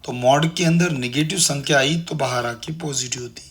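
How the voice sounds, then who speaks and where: Male math tutor, mid-pitched, repeats each step patiently. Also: normal speed. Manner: repetitive, coaxing, calls students "beta". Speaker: math teacher. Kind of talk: online classroom lecture.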